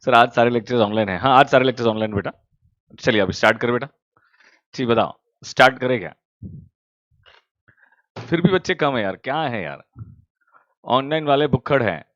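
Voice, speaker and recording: A male commerce teacher, at home, in casual chat with students before an online class, teasing them warmly. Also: medium pitch, animated, brisk, pauses often, no echo. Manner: teasing, affectionate, calls students beta. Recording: dull, dry lo-fi sound.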